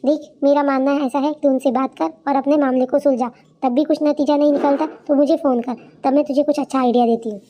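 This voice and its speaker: A supportive young female friend in a cartoon story, voiced by a woman. Her voice is high and mellow, and she speaks in a brisk, indignant, advice-giving manner. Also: steady tone, lightly acted. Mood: advising. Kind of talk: cartoon voice acting.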